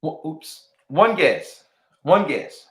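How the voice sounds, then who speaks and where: Male livestream host, slightly high and bright, casual and repetitive, recorded in a roomy space. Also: very animated, slow pace. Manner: informal, repeats himself, often addresses viewers as guys. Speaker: livestream host of a fishing giveaway. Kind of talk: casual live chat with viewers. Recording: roomy, echoing room sound.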